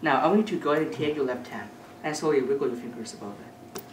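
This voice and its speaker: Low voiced lady doing a magic show at a kids party, asking and instructing, noisy background, distant mic. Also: fast, reverberant. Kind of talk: live magic show patter for children.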